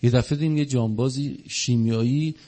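A man's voice: mid-range voice, fairly even intonation, dark tone. A man preaching an impassioned religious sermon, telling a story and acting out its dialogue. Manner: impassioned, acts out quoted dialogue.

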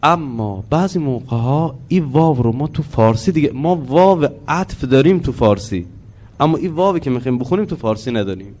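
A man teaching a religious lesson on the Quran. He explains slowly, asks the listeners questions and chants Arabic verses in a drawn-out voice. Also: mid-range voice, expressive, darkish tone.

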